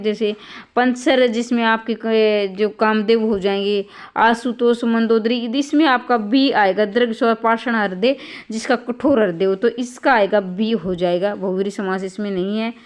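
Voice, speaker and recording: A woman's voice: fairly high pitch, smooth. A woman tutor explaining exam answers one by one, often adding "bhai" and "theek hai" as she checks each option.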